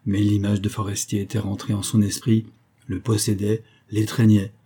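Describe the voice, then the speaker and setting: A man narrates an audiobook with a low, dark voice. There is a husky grain to it. His reading is measured and literary, with the steady phrasing of a set text. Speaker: audiobook reader. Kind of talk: scripted narration.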